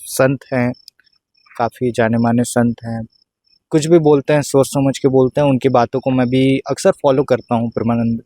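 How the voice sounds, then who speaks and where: A man's voice: medium pitch, fairly even intonation, moderate pace, dark tone, no echo. A man speaking as a guest on a panel, explaining his view with hesitations and restarts. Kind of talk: discussion commentary.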